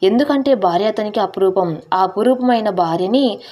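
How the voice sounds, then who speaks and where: A woman's voice: medium pitch, moderate pace, warm tone. Woman, storyteller, emotive, dramatic, scripted narration.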